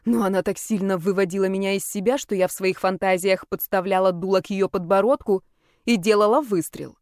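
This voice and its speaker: Woman, audiobook narrator, first-person story, even expressive read, medium pitch, dry close mic. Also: a little fast, dry recording.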